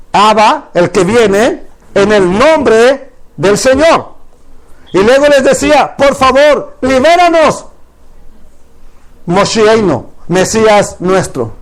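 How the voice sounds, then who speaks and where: A man with a strikingly high voice preaches a sermon to his congregation. He keeps asking questions and answering them himself, and he slows right down to draw out Hebrew words for emphasis. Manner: draws out Hebrew phrases slowly for emphasis.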